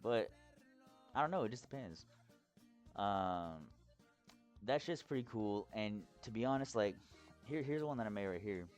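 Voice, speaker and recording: Rambling drunk man with a lowish voice. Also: expressive, soft background music. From Texas. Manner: tipsy, rambling drunk talk with halting phrases and heavy swearing. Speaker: hobbyist presenter. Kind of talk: casual rambling explainer vlog.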